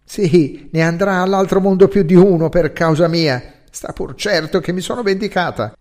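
Guy putting on a frail sick young woman, high and murmuring, stumbling over words, bitter and clingy, storybook. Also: animated, takes it slowly, exaggerated voice. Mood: vengeful. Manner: soft and murmuring, stammering.

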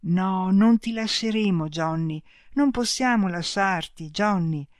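A reader voicing two kind, dying alien beings who speak slowly and gently in an audiobook. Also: mid-range voice, no echo, clean studio sound, close to an everyday voice. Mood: sad. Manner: slow, gentle, speaking in unison. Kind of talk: audiobook reading.

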